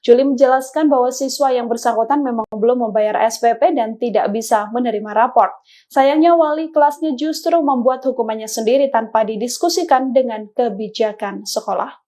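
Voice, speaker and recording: A woman narrating a scripted news report in a measured, formal way. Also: a little high, warm tone.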